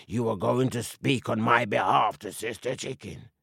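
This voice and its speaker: A man doing a slow, deep, gullible tiger. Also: vocal fry, fairly bright tone, slightly rough, dry recording, clean studio sound. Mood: earnest. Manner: slow, plodding, low. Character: big strong tiger man, earnest and gullible.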